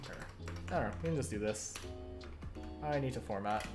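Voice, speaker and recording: A young adult streamer with a hoarse, croaky voice, casually thinking aloud while coding and often stopping to correct themselves. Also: medium pitch, animated, fairly quick, music in the background. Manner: thinks aloud, self-correcting, many fillers. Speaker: streamer studying compilers. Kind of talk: casual live-coding narration.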